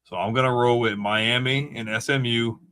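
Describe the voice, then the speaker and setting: A man co-hosting a college football talk show. His voice sits at a middle pitch, and he talks loosely, with jokes and quick laughs. He trash-talks rival fans. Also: fairly even intonation, sharp tone, smooth. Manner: joking, laughs often, teasing. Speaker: podcast co-host. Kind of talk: casual sports chat.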